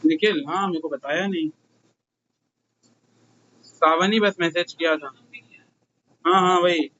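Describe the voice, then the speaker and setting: Young male commerce tutor, Indian accent, bright high voice, chatty and teasing, faint room noise. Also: measured pace, muffled recording. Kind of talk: casual classroom talk.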